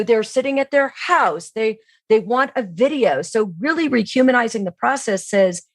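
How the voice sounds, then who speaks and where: Speaking a little high, a sales training expert guests on a podcast via remote online call. She explains in a teaching manner, regularly asking questions and answering them herself, in a dry, studio-quality recording.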